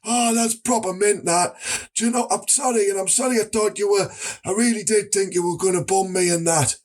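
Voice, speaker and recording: A man's voice: high-pitched, fairly even intonation, fairly quick, darkish tone, pitched above the performer's own voice. A man playing an earnest, wary undercover copper with a Northern English accent in a comedy sketch, hesitant and bluntly sweary. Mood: eager, apologetic. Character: earnest, wary male undercover copper, easily won over.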